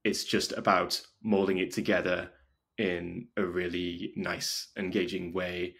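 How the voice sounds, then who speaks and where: A man from North Wales, a video maker and documentary filmmaker, chats informally as a podcast interview guest, frequently slipping "like" into his sentences as filler. His voice is deep, a bit bright, flat in delivery and unhurried.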